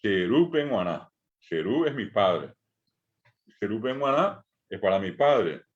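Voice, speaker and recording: A middle-aged man with a Paraguayan Spanish accent teaching a language lesson, slowly repeating each sound for learners to copy. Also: on the low side, big pitch swings, lo-fi sound.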